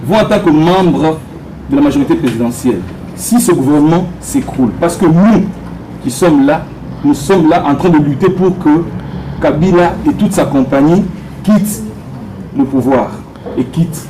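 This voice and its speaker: A man's voice: on the high side, normal speed, noisy background. A man from Congo, a soldier, putting pointed, insistent questions to a politician at a public meeting. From Democratic Republic of the Congo.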